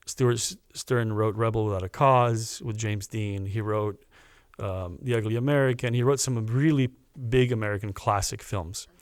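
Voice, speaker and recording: A man, a guest on a podcast, telling a personal story in a casual, animated way, often stopping to restart a phrase. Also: fairly low pitch, normal speed, few pauses, smooth, no echo. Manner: animated anecdote teller with restarts.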